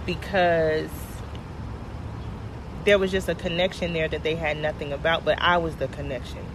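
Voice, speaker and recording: This podcast host has a low-sitting voice and a flat delivery at normal speed. Recording outside with obvious traffic noise in the background, she chats with her listeners in a relaxed, warm, conversational manner.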